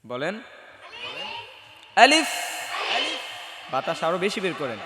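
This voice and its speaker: A male Quran teacher leading a pronunciation lesson, coaxing learners through loud repeat-after-me drills and asking rhetorical questions. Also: high-pitched, animated, moderate pace. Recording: echoey hall with music behind.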